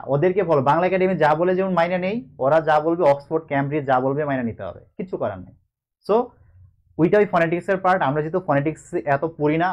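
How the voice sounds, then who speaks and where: A man with a Bangladeshi Bengali accent leads an online grammar lesson. His voice sits a little high, and he keeps things chatty and reassuring as he explains. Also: darkish tone, lo-fi sound. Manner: chatty, reassuring, switches between explaining and coaxing. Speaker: teacher.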